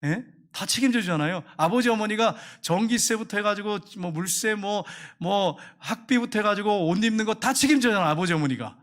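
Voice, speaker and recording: A man's voice: high voice, lively intonation, fairly quick, few pauses, fairly bright tone. A male pastor preaching a sermon with emphatic delivery, repeating his key phrases.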